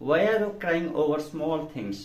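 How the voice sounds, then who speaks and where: A man with a Telugu Indian accent teaching spoken English, saying each sentence quickly in Telugu and then repeating the English translation slowly and clearly. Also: on the high side, big pitch swings, echoey room. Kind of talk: language lesson, reading sentences.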